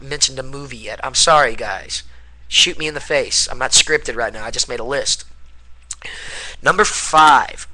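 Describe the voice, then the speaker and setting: Casting: young male vlogger, bright forceful voice, wired on too much caffeine, loose unscripted rambling. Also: medium pitch, low-quality recording. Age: young adult. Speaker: video blogger. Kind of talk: casual unscripted vlog chat.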